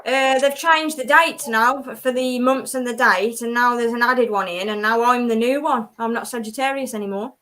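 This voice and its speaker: A woman's voice: on the high side, steady tone, normal speed, hardly any pauses, fairly bright tone. A woman in casual group chat who reads out comments and adds short remarks. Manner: brief interjections, reads comments.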